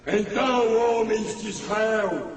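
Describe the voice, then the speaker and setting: An actor playing a boastful, mocking giant warrior in a radio play, booming and taunting theatrically. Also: male voice, takes it slowly, far from the mic, a little hiss or hum. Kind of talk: dramatized radio play acting. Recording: cavernous echoing reverb, music behind.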